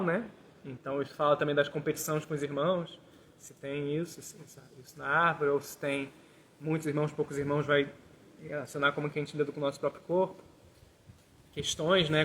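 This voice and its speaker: A man leads a tarot class, walking listeners through an exercise and checking they follow along. His voice sits a little high and sounds bright and forceful. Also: slight background noise. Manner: talks through steps, tags lines with "né?". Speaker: tarot teacher. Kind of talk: explanatory class with a hands-on exercise.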